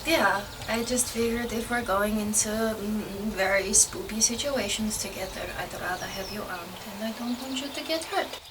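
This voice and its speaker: During a tabletop role-playing game, a woman player speaks in character, friendly and chatty, with a medium pitch and moderate pace. The mic is distant, picking up background noise and music.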